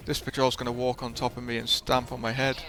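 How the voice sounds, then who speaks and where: A man's voice: mid-range voice, monotone, quick pace, sharp tone, faint music behind. A man hosting a gaming video with casual commentary, often hesitating and correcting himself as he explains.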